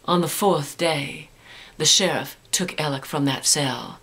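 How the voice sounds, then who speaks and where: Female ghost tour storyteller, lowish and very unhurried, theatrical and deliberate with a spooky hushed delivery. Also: breathy edge. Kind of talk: dramatic ghost story narration.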